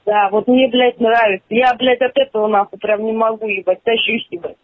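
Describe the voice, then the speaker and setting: Brisk young woman from Russia, constant swearing, aggressive, dry thin phone sound. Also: a little high, fairly even intonation, dry recording. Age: late teens. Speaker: prank call target. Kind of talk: angry phone conversation. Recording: tinny dry phone line.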